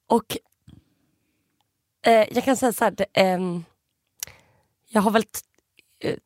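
A woman's voice: medium pitch, a little mellow, dry recording, studio quality. A woman in her twenties, a podcast co-host, telling stories in casual chat with many fillers and restarts. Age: 20s.

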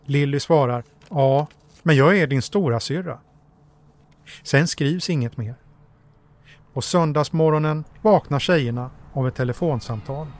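A man giving calm, measured, scripted narration as a documentary narrator. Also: fairly high pitch.

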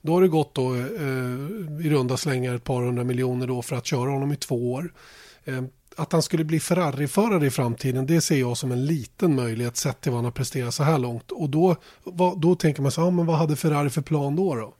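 A man's voice: medium pitch, warm tone, dry recording, clean studio sound. A Swedish man hosting a casual motorsport podcast, thinking aloud with many fillers and restarts. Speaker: podcast host.

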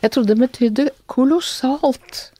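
An older woman, an author being interviewed, telling her family's story in an earnest, halting way with many restarts. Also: high-pitched, warm tone, no echo. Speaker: author guest. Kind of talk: reflective interview talk.

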